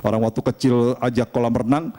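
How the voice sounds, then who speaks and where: A middle-aged man, preaching a sermon and telling family stories in an animated, humorous way. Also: medium pitch, a little fast. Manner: animated storytelling, chatty and humorous. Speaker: pastor.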